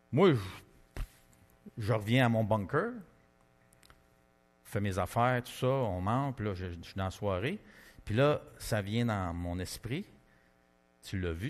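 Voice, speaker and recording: A man with a Québécois French accent preaching a testimony sermon, telling his story in a lively, conversational way with many fillers. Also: lowish voice, long reverb tail. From Quebec.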